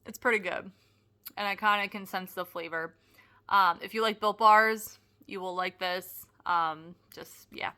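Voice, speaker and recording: Bright-voiced chatty young woman. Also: medium pitch, a little slow, clear, resonant tone. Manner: chatty, excitable, lots of "like" and restarts. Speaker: product reviewer. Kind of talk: casual review vlog.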